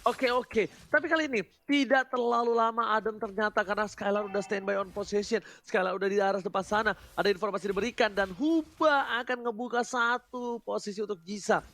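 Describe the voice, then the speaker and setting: A man with an Indonesian accent giving live esports match commentary as an excited game announcer. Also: sits high, brisk, hardly any pauses. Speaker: esports play-by-play caster.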